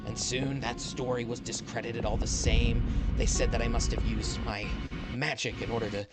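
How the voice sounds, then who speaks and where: A man voicing a frightened, discredited writer in a tabletop game, stammering and halting as he pleads. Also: medium pitch, level tone, over loud music, close to an everyday voice. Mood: aggrieved. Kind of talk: improvised tabletop role-play.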